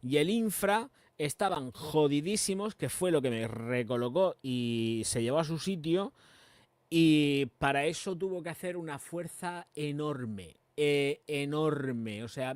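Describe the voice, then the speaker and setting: A man, hosting a casual live chat and telling a story in an expressive, chatty way, with emphatic swearing. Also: on the high side, no echo. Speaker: perfume livestream host.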